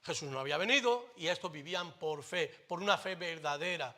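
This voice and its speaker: A forceful male pastor from Spain, speaking Spain Spanish into a microphone, delivers a sermon in church in a slightly high voice at a brisk pace. His emphatic preaching swings between loud declarations and quiet, close asides, with lighthearted jokes mixed in.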